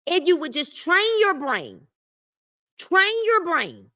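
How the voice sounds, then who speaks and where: A woman with a very high, bright, forceful voice speaks slowly, her pitch swooping wildly. During her live-streamed book club she reads a self-help book aloud, bursts in with emphatic commentary, repeats key phrases, and talks to her chat viewers, heard over a livestream mic.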